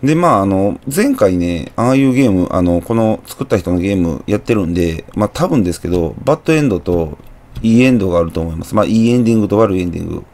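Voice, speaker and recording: A man's voice: low-pitched, lively intonation, fast, a little mellow. A young man with a Kansai accent, chatting through a horror game, muttering to himself with jumpy exclamations. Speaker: gameplay commentator. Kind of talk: horror game let's play commentary.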